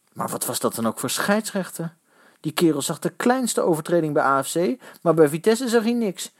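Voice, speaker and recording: A man reading a children's story aloud in a lively, expressive way. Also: medium pitch, dry recording, clean studio sound. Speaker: narrator.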